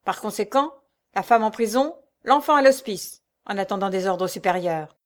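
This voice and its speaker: A woman's voice: medium pitch, animated, normal speed, lightly acted. A woman doing a stern gendarme sergeant. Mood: commanding. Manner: loud, commanding, curt. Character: stern male gendarme sergeant making an arrest.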